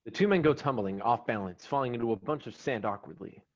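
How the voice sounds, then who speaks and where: Acting as narrator for a scripted table read, a man reads screenplay stage directions in an animated, fast, mid-range voice. The audio sounds like a slightly dull online call.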